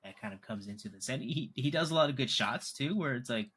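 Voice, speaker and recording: A man's voice: mid-range voice, lively intonation, fast talker, fairly bright tone, breathy edge. A man co-hosting a casual film discussion, rambling with lots of fillers and restarts, laughing often. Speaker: podcast co-host.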